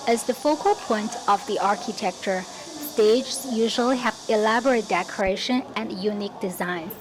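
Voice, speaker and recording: A woman from China narrating a travel vlog, explaining history and pronunciation in a steady teaching manner. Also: mid-range voice, normal speed, noisy background. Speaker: travel vlogger. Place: outdoors in a riverside town.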